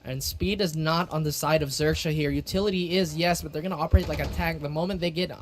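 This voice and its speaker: A man casting an esports match with lively, theatrical play-by-play commentary. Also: fairly high pitch, quick pace. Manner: excitable, theatrical phrasing. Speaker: esports caster.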